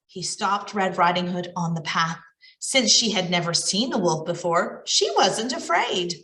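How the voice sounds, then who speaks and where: A woman library storyteller reading a fairy tale aloud for children in an expressive, animated way over a video call. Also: lowish voice, measured pace, echoey room.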